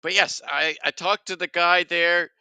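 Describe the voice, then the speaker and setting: A high-pitched man hosts a live soccer watchalong stream. He rambles and chats casually with his viewers. The recording is dry and close. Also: fairly even intonation, a little slow, pushed and bright, clear, resonant tone, no echo. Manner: chatty, rambling, talks to chat viewers.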